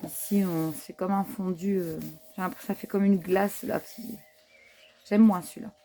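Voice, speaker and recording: Chatty French-speaking woman, mellow voice. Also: mid-range voice, steady tone, normal speed, slight background noise. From France. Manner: chatty, many fillers, admiring comments. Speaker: craft haul vlogger. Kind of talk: casual show-and-tell chat.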